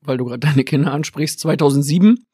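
A man's voice: a little high, a little fast, mellow, breathy edge, no echo, studio quality. A man hosting a casual interview and asking his guest teasing, joking questions. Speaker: talk show host.

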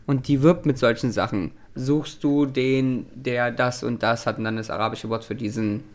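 A man's voice: medium pitch, steady tone, normal speed. A man from Germany, a podcast co-host, chatting casually and joking around. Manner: playful, joking. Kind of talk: casual chat.

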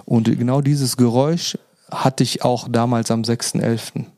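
A man speaks as a podcast guest, telling his own story in a loose, chatty way. His voice is low-toned and gravelly, with little rise and fall. He drops in fillers and acts out what people said. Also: steady tone, normal speed, warm tone, no echo. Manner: informal, many fillers, acts out quoted dialogue. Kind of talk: personal storytelling in conversation.

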